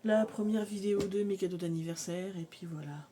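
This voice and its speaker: A woman's voice: mid-range voice, fairly quick, dark tone, slight background noise. A woman in her thirties chatting casually in a home vlog, rambling with many fillers and sometimes dropping to a whisper. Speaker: vlogger. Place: mobile home on a hot day.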